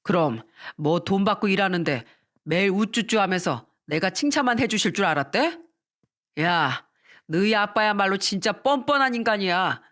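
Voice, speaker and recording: A woman's voice: mid-range voice, fairly bright tone. A woman voicing a sneering two-faced husband. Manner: sneering, defiant, blaming others. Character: arrogant, rude young husband, a two-faced bully.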